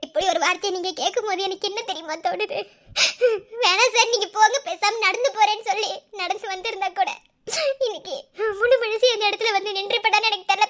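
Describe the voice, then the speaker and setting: A woman's voice: very high-pitched, fairly bright tone, slight background noise. A woman voicing a hurt, tearful young working woman in a cartoon, with a Madurai Tamil accent. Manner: pleading, tearful. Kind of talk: cartoon voice acting.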